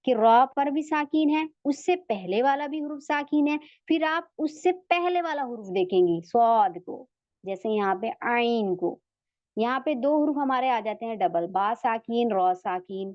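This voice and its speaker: Woman, Urdu accent, recitation teacher; slow deliberate lesson delivery, dry dull lo-fi sound. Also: on the high side, no echo. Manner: patient, repeats example words slowly. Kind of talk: slow step-by-step tajweed lesson.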